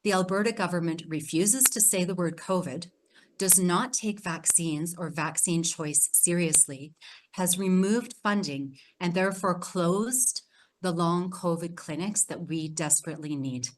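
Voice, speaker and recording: A woman's voice: fairly low pitch, unhurried, slight background noise, poor audio. A woman speaking as a panelist, giving earnest, advocating remarks at a panel discussion.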